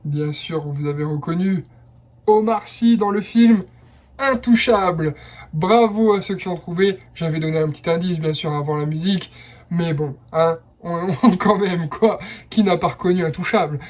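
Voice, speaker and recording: A man's voice: sits high, normal speed, darkish tone. A young man hosting a casual blind test quiz, chatty and enthusiastic, with personal asides between rounds. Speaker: quiz host.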